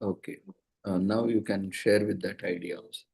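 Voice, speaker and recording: A man's voice: low voice, fairly even intonation, normal speed, vocal fry, darkish tone, husky. A man with an Indian accent moderating an online conference session and giving participants instructions.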